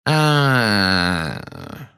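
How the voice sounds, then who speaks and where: A man's voice: medium pitch, sing-song, brisk, fairly bright tone, voice pushed up. A man voicing a pompous, scornful middle-aged minister with a sneering, haughty manner in an audiobook.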